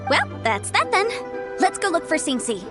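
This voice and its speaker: An actress voicing a clever, confident young legal advisor in a video game, with a crisp and lightly amused manner. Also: female voice, very high-pitched, sing-song, moderate pace, over music.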